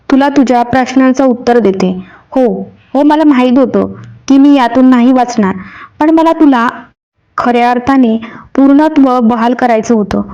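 A woman's voice: fairly high pitch, lo-fi sound, close to an everyday voice. A woman voicing a dying young mother. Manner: soft and tender.

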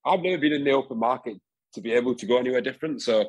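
A man's voice: mid-range voice, very fast, slightly rough, poor audio. A young English man, a rugby player, chatting loosely as a podcast guest over a video call, with lots of fillers. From England. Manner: relaxed, rambling with fillers and laughs. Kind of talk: casual podcast interview. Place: home room, indoors. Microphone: headset on video call.

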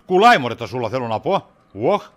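A man's voice: medium pitch, big pitch swings, a bit bright. A joking, teasing friend, as a man plays him, in an ordinary mid-range voice, who turns cagey when he is pressed. The comic sketch delivery stays light and mocking. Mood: evasive. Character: teasing friend, middle-aged man named Kostas. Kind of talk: comedy sketch acting.

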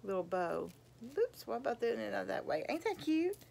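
An older woman chatting casually as she shows off gifts, gushing and exclaiming over each item in folksy, drawn-out phrases. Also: mid-range voice, big pitch swings, creaky, darkish tone, a little hiss or hum. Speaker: vlogger showing gifts. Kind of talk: casual show-and-tell chat.

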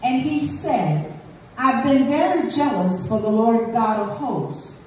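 A woman reads scripture aloud in a slow, measured way, her voice pitched a little high. She sounds far from the mic in a very reverberant church, with faint background noise underneath. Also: expressive, darkish tone. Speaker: scripture reader. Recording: echoey room, voice from a distance, faint noise.

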